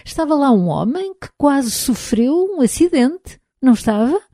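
A woman's voice: high-pitched, animated, normal speed, dark tone, no room sound, clean studio sound, voice pushed up. A woman voicing a stern, controlled psychologist who questions firmly. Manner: firm, questioning, restrained. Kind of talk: audiobook character reading.

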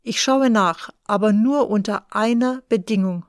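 A woman's voice: mid-range voice, a little slow, dry recording, studio quality, close to an everyday voice. A woman reading the lines of a cool, wary bank clerk in an audiobook, matter-of-fact.

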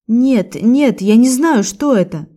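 A woman's voice: a little high, lively intonation, slow pace, mellow, pitched above the performer's own voice. A woman voicing a young woman who is wrongly accused and pleads in a raised, tearful voice. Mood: desperate pleading.

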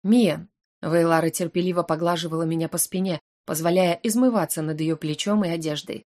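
Woman audiobook narrator, expressive first-person storytelling. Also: fairly low pitch, fairly quick.

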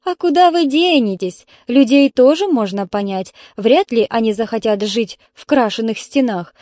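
A woman's voice: fairly high pitch, animated, normal speed, darkish tone, no echo, close to an everyday voice. A woman reading as a good-natured middle-aged man, a musician neighbor who shrugs off complaints. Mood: easygoing. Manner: easygoing, unoffended.

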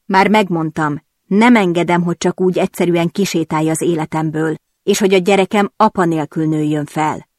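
A woman's voice: medium pitch, animated, no echo, lightly acted. A woman reading an audiobook, voicing a hot-tempered young male racing driver who speaks bluntly and with stubborn resolve, recorded close and dry. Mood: determined. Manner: bitter, blunt, determined.

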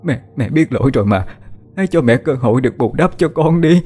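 A man's voice: mid-range voice, expressive, a little fast, dark tone, breathy edge, voice pushed up. A man voicing a frightened older mother who stammers and begs her daughter for forgiveness. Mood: begging. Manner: begging, stammering, tearful. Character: pleading frightened old mother, cruel past. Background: faint music.

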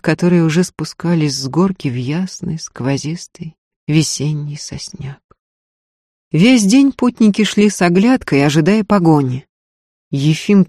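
Woman, audiobook narrator, steady storytelling, low voice, dry close sound. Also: dry recording. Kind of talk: scripted narration.

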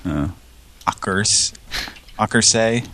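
A man's voice: slow, sharp tone, a little hiss or hum. A man chatting casually as a podcast co-host, rambling and hesitant with filler words. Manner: rambling, hesitant, bursts into goofy high yelps. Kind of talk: casual chat.

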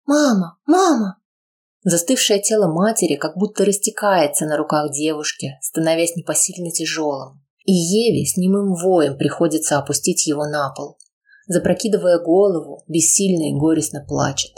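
A woman reading a tense audiobook aloud in a steady, dramatic narration. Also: deep voice, moderate pace, slightly rough.

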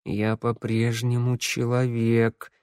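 A man's voice: mid-range voice, completely flat delivery, slow, darkish tone, clean tone, dry recording, close to an everyday voice. A man reading the thoughts and words of a young man in a painful ordeal, strained as if through gritted teeth, in a dry, close recording. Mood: insistent.

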